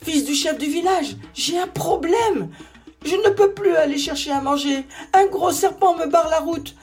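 A tiny, hungry salamander from a storybook, begging each animal politely for help, voiced by a narrator. The voice sits high and swoops around. Soft music lingers behind. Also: expressive, unhurried, full character voice. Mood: pleading. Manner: pleading, polite. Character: small hungry pleading salamander.

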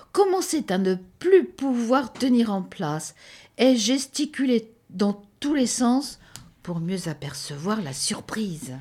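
A woman reading a children's story aloud in an expressive, dramatic way. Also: medium pitch.

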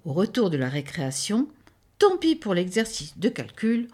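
A woman reading a children's story aloud in an expressive, dramatic way. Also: mid-range voice, moderate pace, husky, soft background music.

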